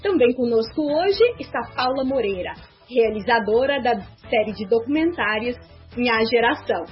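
A woman with a Brazilian Portuguese accent, hosting a radio interview and introducing her guests in a friendly, clear manner. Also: on the high side, expressive, moderate pace. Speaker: interviewer, host. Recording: muffled recording with faint music.

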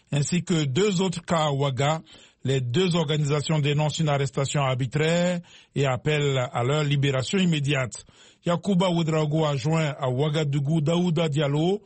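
A man presenting the radio news in a formal, measured way. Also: on the high side, darkish tone, no echo. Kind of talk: scripted news reading.

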